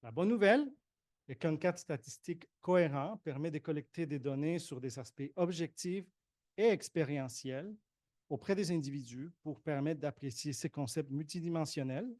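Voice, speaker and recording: A man reading a prepared conference talk on statistics in a measured way, with occasional hesitations. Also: a little high, darkish tone, dry recording, studio quality. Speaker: conference presenter, statistics analyst.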